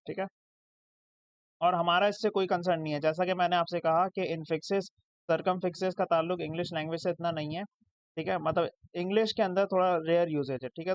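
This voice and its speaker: Young male tutor, Pakistani accent, high voice, step-by-step explainer; dry, slightly muffled recording. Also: no echo. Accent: Pakistani Urdu. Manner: explains step by step, checks "ठीक है?" after each point. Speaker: English tutor. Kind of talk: recorded lecture over slides. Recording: dry, dull lo-fi sound.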